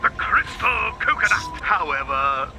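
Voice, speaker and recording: An actor voicing a pompous, scheming, short-tempered crocodilian king in a cartoon, with grandiloquent, theatrical delivery and drawn-out emphasis. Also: fairly high pitch, very animated, low-quality recording. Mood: pompous, gloating. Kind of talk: theatrical cartoon villain acting. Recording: cartoon soundtrack with loud music behind.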